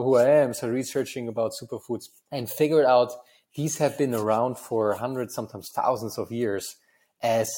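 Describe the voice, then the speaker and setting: A German-accented man in his thirties talks as a guest in a casual interview, earnest and chatty. His pitch sits in an ordinary middle range. He often doubles words as he restarts a thought. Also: warm tone. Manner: earnest, talkative, repeats words when restarting. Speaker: guest entrepreneur.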